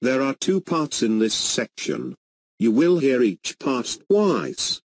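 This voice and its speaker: A man reading scripted exam instructions in a formal, measured announcer's manner. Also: mid-range voice, wildly swooping pitch.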